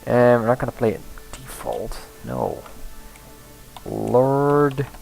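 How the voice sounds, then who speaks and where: Gravelly man narrating gameplay. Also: mid-range voice, wildly swooping pitch, takes it slowly, darkish tone, faint music behind, low-quality recording. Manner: rambling, thinking aloud with restarts and chuckles. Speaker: let's play host. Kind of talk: casual gameplay commentary.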